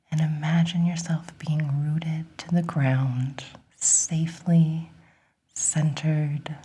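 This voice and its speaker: A woman with a low voice whispers a guided relaxation in gentle, breathy ASMR style. She is soothing and encouraging toward the listener.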